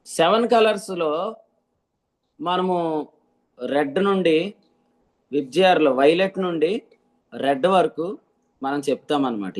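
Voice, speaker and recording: Preacher, male, slightly high voice, teaching sermon over a call, quizzes his listeners. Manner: questions the listeners, explains with examples. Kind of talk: teaching sermon to an online group.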